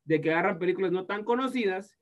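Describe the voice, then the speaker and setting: A man's voice: high voice, fast, dull audio. A man, co-hosting a podcast in laid-back, slangy casual chat and swearing freely. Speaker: podcast co-host.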